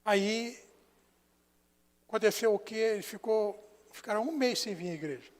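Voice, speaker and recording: A Brazilian man preaching as a pastor, telling a story and swinging between hushed and loud passages. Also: high-pitched, moderate pace. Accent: Brazilian Portuguese. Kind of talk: sermon. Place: church sanctuary. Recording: long church hall reverb.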